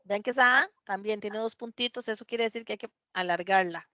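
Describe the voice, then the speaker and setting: A woman teaching an English pronunciation lesson, explaining patiently step by step and slowly repeating words to model them. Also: medium pitch, pushed and bright, no room sound, highs cut off. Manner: patient, explains step by step, asks "¿verdad?" often.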